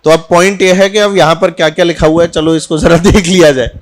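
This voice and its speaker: A physics teacher talking warmly and jokingly to his students at the end of a course in a classroom, mixing in English phrases. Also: on the high side, steady tone, fast, a little hiss or hum. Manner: chatty and teasing, mixing Hindi with English phrases. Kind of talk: farewell talk to a class.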